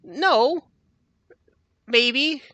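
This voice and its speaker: A man's voice: extremely high pitch, animated, extremely slow, sharp tone, no echo, highs cut off, voice pushed up, exaggerated voice. A man voicing a panicky young male thug who has been taken prisoner, frantic and cursing. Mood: panicked.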